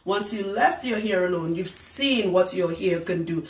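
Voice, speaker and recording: The live stream's audio is roomy and distant, recorded in an indoor room during the broadcast. Its host, a woman with a fairly low voice and measured pace, chats casually about hair care, often laughing while being blunt and teasing.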